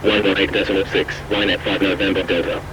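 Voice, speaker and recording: Deep-voiced pilot making radio calls from the cockpit. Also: male voice, little pitch movement, noisy background. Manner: clipped radio phraseology read back quickly. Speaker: flight simmer playing the pilot. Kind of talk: pilot radio calls to air traffic control. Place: flight simulator setup.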